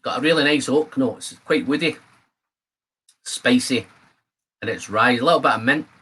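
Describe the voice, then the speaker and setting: A Scottish man in his fifties hosts a live stream, chatting casually and greeting viewers by name. His voice is medium in pitch, a bit bright and slightly rough, and he speaks at a moderate pace.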